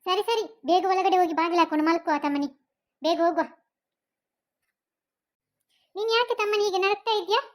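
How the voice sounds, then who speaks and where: A woman's voice: extremely high pitch, fast. A woman voicing a worried, protective mother with a Mangalore Kannada accent, fussing over and scolding her young son.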